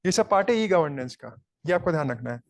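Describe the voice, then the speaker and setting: An Indian man teaching an online class in a fairly high, lifted voice. He alternates brisk explanations with slow, word-by-word dictation of notes. The sound is dry and close, with no room echo. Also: lively intonation. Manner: explains in mixed Hindi and English, then dictates notes slowly word by word. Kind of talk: online coaching lecture.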